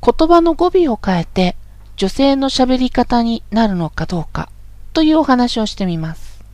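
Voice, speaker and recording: A woman instructor talks through a voice lesson in a calm, polite, measured way. Her voice sits fairly high and is recorded dry and close, with no room sound. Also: dry recording. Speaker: voice training instructor. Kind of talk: scripted voice lesson narration.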